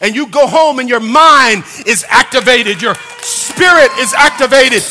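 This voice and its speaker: An older male pastor preaching with humor and shouted bursts, calling on the congregation to answer. His voice is unusually high and bright for a man. It rings out in a long church reverb. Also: expressive, unhurried, soft background music. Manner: humorous, shouting emphasis, call-and-response. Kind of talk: sermon. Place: church sanctuary.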